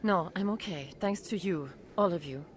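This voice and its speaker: A woman's voice: on the low side, moderate pace, slight background noise, close to an everyday voice. A woman playing an earnest, shaken clinic doctor in a video game. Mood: shaken, grateful.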